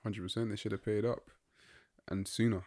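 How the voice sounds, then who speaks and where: Picture a young man in his twenties, slightly low-pitched, talking football with his co-host in a loose, easygoing way. He rambles through his opinions and fills the gaps with "like" and "um" as he thinks out loud. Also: normal speed. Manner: relaxed, rambling, filler-heavy opinions. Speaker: podcast co-host. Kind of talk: casual football chat.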